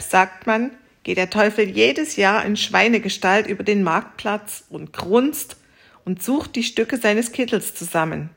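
Woman telling a fairy tale slowly. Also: medium pitch. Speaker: storyteller.

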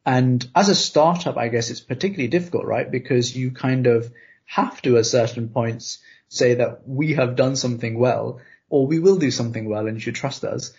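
A male interviewer asks his guest casual, thoughtful questions. His voice is a bit husky and sits at an ordinary pitch. The audio is dull and lo-fi. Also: normal speed, a little mellow. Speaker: interviewer, podcast host.

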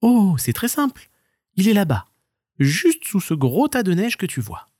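A man's voice: high-pitched, wildly swooping pitch, unhurried, darkish tone, husky, dry recording, studio quality, pitched above the performer's own voice, exaggerated voice. A man putting on a chirpy friendly young stoat. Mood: eager, friendly. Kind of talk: children's storybook reading.

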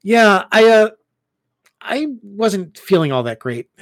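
A man's voice: sits high, very animated, slow, pitched above the performer's own voice, exaggerated voice. A man voicing a shy, awkward young male student who stammers and hesitates. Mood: awkward, hesitant.

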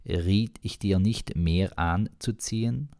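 A man's voice: low-pitched, slow, darkish tone, no room sound, clean studio sound. Man doing a grumpy stranded driver. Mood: grumbling. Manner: irritable, grumbling. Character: grumpy stranded middle-aged motorist.

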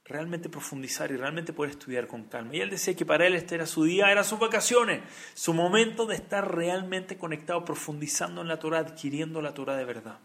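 Gravelly man telling a sermon story. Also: fairly high pitch, quick pace, fairly bright tone. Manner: rising, emphatic storytelling with many repetitions. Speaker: rabbi or Torah teacher.

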